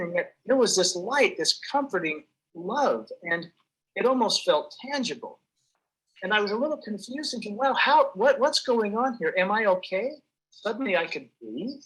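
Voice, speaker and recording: A man giving an earnest, halting personal testimony as an accident survivor, often restarting his sentences. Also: high-pitched, pushed and bright, breathy edge, rough recording.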